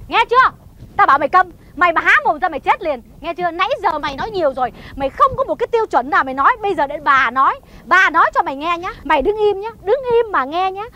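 An actress playing a sharp-tongued wife in a stage comedy sketch, with a Northern Vietnamese accent and a scolding manner. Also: female voice, expressive, racing, hardly any pauses, heavily acted. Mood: furious. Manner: scolding, shrill tirades.

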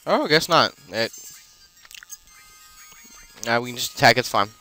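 A man with a bright, crisp, smooth voice talks over his own gameplay in a loose, unscripted way. He rambles, trails off into fillers and corrects himself mid-sentence. Faint game music plays underneath. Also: medium pitch, expressive, measured pace. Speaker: let's play host. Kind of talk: casual gameplay commentary.

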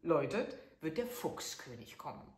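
A woman voicing a poor old woman who is secretly a fairy, high-pitched and pleading, in a roomy recording. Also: big pitch swings, moderate pace. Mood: solemn. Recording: echoey room.

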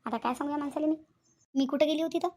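A woman voicing complaining rural women of a joint family in a cartoon, with a Vidarbha Marathi accent and a quick, chattering manner. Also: high-pitched, darkish tone, lightly acted. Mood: worried. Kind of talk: cartoon voice acting.

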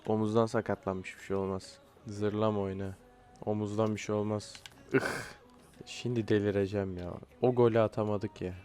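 A young man talks over his own football video game match in a low voice. He mutters, then bursts out in frustration at his players. Faint music plays behind him. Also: darkish tone. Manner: frustrated outbursts, swearing at players. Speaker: gaming YouTuber. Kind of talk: live gameplay commentary.

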